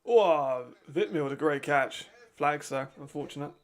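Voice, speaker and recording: A man talks his way through a live football game in a loose, casual watch-along. His voice sits a little high, and he chats freely, laughing and restarting sentences as he reacts. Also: normal speed. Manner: casual, chatty, laughs often, trails off and restarts.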